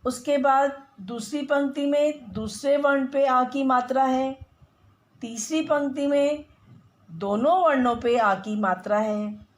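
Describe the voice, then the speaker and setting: A middle-aged woman teaching a grammar lesson, pronouncing each syllable carefully and clearly. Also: sits high, slow.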